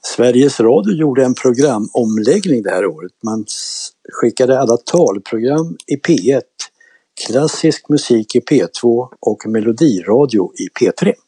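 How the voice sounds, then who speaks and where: Guy co-hosting a laid-back chat, mellow husky voice, easygoing, introduces the songs. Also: mid-range voice, dry recording. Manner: relaxed, explanatory, introduces songs. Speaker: co-host. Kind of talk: casual radio-style chat.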